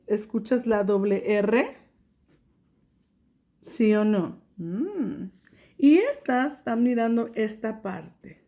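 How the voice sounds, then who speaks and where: A woman's voice: medium pitch, warm tone. A woman teaching a remote kindergarten lesson, speaking patiently and drawing out sounds for young children. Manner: slow, patient, drawn-out sounds, checks in with "ok?".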